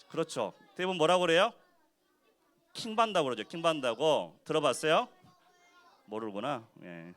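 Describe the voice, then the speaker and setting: A male pastor leads a children's worship sermon, his voice swinging widely up and down in pitch. He talks in an animated way, keeps firing questions at the kids, and acts out other people's lines in quick little voices. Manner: acts out quoted speech in short voices. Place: church worship service for children.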